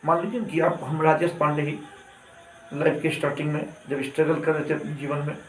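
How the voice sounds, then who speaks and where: Animated teacher in an echoey classroom. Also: male voice, a little high, a little fast, distant mic, slight background noise. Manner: animated, addresses students as beta. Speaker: chemistry teacher. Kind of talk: classroom storytelling, joking.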